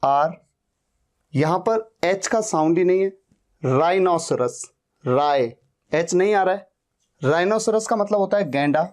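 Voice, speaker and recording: A man's voice: high-pitched, expressive, measured pace, long pauses, a little mellow. A man teaching an English pronunciation lesson, patiently spelling out words and repeating them. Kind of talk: slow spoken-English lesson.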